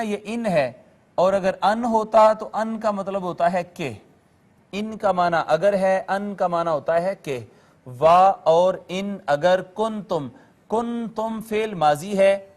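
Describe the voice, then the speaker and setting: High-voiced man teaching a patient lesson. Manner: patient, explains word by word and recites Arabic terms slowly. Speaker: Quran teacher. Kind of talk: recorded classroom lecture to viewers.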